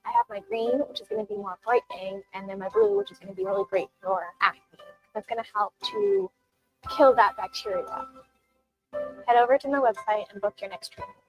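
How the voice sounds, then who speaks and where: A woman's voice: fairly high pitch, big pitch swings, fairly quick, vocal fry, over music, low-quality recording. A woman speaking in her own business ad, explaining her skincare treatments in a friendly way. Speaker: esthetician in an ad. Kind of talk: scripted business ad.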